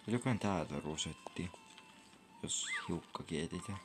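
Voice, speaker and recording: This young man's voice sits low and animated as he gives chatty commentary on his own gameplay, reacting with abrupt whoops and squeals. He's a gaming vlogger, and soft game music can be heard behind him.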